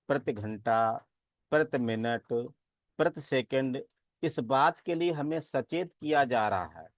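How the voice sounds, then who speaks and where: A man giving a Buddhist dharma talk, deliberate, chanting verses and asking rhetorical questions. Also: mid-range voice, no room sound. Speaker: Buddhist teacher.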